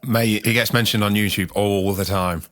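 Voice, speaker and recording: A man's voice: lowish voice, steady tone, normal speed, fairly bright tone. A man co-hosting a podcast, chatting casually, slipping in dry puns and giggling at his own jokes. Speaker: podcast co-host.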